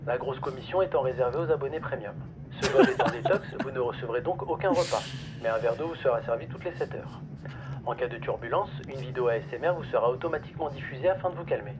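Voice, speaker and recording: A man voicing a mock airline pilot who makes calm, formal cabin announcements over the intercom, in a noisy clip played on a stream. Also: mid-range voice, fast, crowd noise. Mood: deadpan formal. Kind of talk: parody in-flight announcement.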